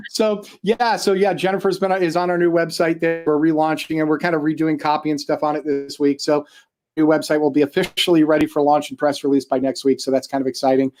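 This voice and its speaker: A man's voice: fairly high pitch, level tone, fast, darkish tone. A man hosting a live-streamed interview show, talking casually in a chatty, rambling way with lots of fillers.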